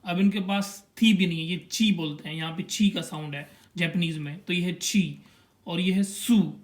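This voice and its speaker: A young man with a notably high-pitched voice teaches a language lesson. He is patient and steady as he points at a chart and sounds out each syllable slowly, one after another.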